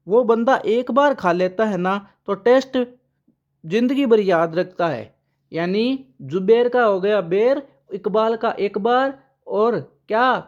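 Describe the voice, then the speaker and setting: With a mid-range voice on lo-fi sound, a current affairs teacher preps students for exams through memory tricks. They pose questions aloud, answer them, and go over the key names again and again.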